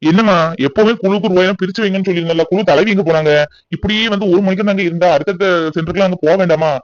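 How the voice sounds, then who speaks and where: A man voicing an impatient loan-group collector in a cartoon, brisk and demanding. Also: high-pitched, fairly even intonation, no echo, lightly acted. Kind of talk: cartoon voice acting. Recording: dull lo-fi dry recording.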